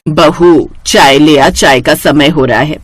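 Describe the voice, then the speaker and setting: A woman voicing a patient, soft-spoken older mother-in-law in a storybook tale, in a lower gentle voice. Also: takes it slowly, slightly rough, dry recording, full character voice. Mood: calling. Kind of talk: storybook voice acting.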